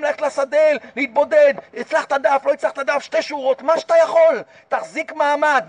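A rabbi gives a fervent Torah sermon in a very high, fairly bright voice, captured far from the mic without any echo. His exhortation is repetitive, pressing listeners with repeated calls and rhetorical questions.

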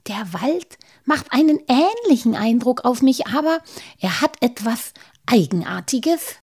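A woman's voice: fairly high pitch, very animated, unhurried, a little mellow, breathy edge, pitched above the performer's own voice, full character voice. A woman voicing a gushing, sentimental little gnome man. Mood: musing. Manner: rising, gushing, wistful. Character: dreamy excitable male gnome, sentimental.

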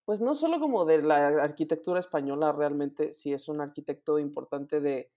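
A woman's voice: deep voice, moderate pace, dark tone. Laughing woman podcaster. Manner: laughs often, slangy and teasing. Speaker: podcast co-host. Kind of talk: casual chat.

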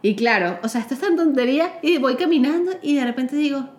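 Animated woman in an echoey room. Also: high voice, quick pace. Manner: animated, laughs while telling stories. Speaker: podcast co-host. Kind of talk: casual chat, storytelling.

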